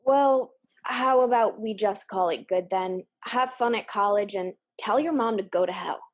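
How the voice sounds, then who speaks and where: Woman acting as a sarcastic army recruiter, blunt, offhand, mid-pitched voice, casual swearing, indie audio drama. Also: normal speed, close to an everyday voice.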